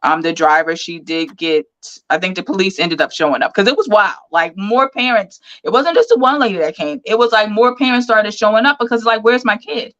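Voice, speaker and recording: Speaking fairly quickly with few pauses, this medium-pitched podcast co-host chats casually on a livestream, spinning lively stories full of fillers. The sound quality is lo-fi.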